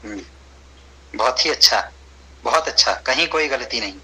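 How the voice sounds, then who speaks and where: A man's voice: medium pitch, lively intonation, normal speed, bright, forceful tone, a little hiss or hum, low-quality recording. A man teaching an online class over a video call, patient and encouraging, slipping English phrases into his speech.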